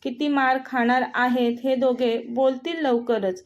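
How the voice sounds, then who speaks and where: A woman's voice: high voice, fairly even intonation, a little slow. A woman reading a story aloud, voicing a cruel, threatening male gang boss in a mocking manner. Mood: menacing.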